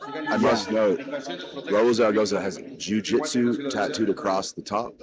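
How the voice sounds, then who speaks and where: A man giving analytical live MMA commentary in measured phrases. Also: fairly low pitch, crowd noise. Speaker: fight commentator.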